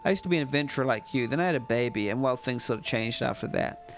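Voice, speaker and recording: A man's voice: mid-range voice, expressive, quick pace, gravelly, fairly bright tone. A man reading aloud the lines of a friendly former adventurer mother from a game.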